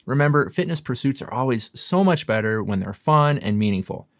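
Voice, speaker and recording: Animated male fitness coach, dry close sound. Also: medium pitch, brisk, dry recording. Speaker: fitness coach and video host. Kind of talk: scripted explainer to camera.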